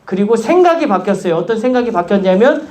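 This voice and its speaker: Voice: mid-range voice, very animated, fast, darkish tone. A pastor preaching a sermon in church, urging the congregation with repeated rhetorical questions.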